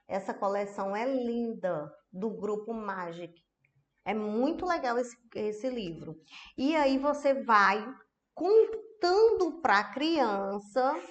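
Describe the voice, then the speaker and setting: A woman, an educational psychologist giving an online masterclass, chatty and often checking in with her audience. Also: on the high side. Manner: chatty, tag questions to the audience.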